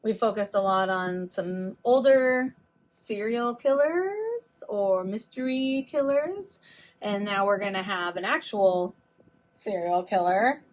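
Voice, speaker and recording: A woman in her thirties co-hosts a casual podcast, chatting and joking easily. Her voice sits at a middle pitch, and she slips into little acted-out quotes as she tells a story. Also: lively intonation, slow. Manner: chatty, jokey, acts out quotes. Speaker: podcast co-host. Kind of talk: casual chat.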